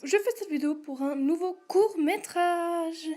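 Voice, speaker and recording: A woman's voice: very high voice, measured pace, darkish tone, soft background music. A woman hosting a casual casting-call video, listing characters and their voices with hesitant fillers and asides. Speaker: channel host casting voice actors.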